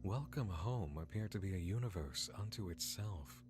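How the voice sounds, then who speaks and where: A man's voice: low-pitched, animated, moderate pace. A man reading scripted narration as the narrator of a video essay.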